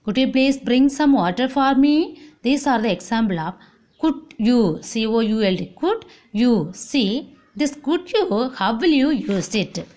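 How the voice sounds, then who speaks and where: A woman with an Indian English accent teaches vocabulary online, repeating words slowly and often saying "okay, see." Her voice is fairly high-pitched and animated, with a darkish tone.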